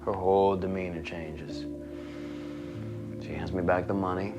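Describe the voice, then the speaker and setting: A man's voice: sits low, steady tone, measured pace, muffled recording. An actor playing a crude, boastful man who tells a swaggering story in a film monologue, with music under the film audio. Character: crude boastful man recounting his teenage conquest.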